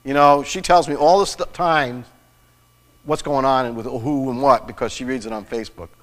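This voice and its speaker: A man's voice: mid-range voice, fairly even intonation, normal speed, big-room sound. A middle-aged man preaching a sermon in a church, telling a personal story in an earnest way with frequent restarts. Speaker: pastor. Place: church sanctuary.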